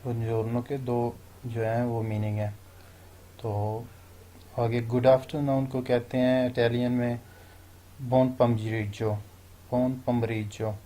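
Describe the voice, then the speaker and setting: A man with a Pakistani Urdu accent teaching a lesson, explaining phrases step by step and slowing down to stress each foreign phrase. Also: medium pitch, level tone, dark tone. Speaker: language teacher.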